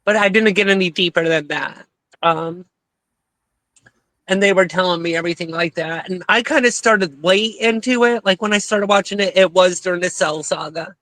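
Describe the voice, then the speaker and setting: A woman with a bright, tense voice chats casually, drifting into asides and laughing easily. The sound is close and dry, with no room around it. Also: on the low side, normal speed, dry recording. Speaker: podcast co-host. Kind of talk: casual group chat.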